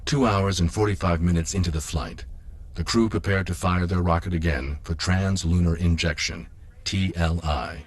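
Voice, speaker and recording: A man's voice: low voice, fairly even intonation, moderate pace, slight background noise. A man reading scripted narration as a documentary narrator. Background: prominent music.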